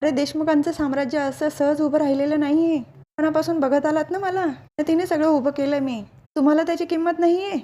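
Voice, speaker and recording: Stern angry father in a TV serial recap, read by a woman, high mellow voice. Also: fairly even intonation, brisk, natural voice. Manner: scolding, stern. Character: angry proud middle-aged father, business owner.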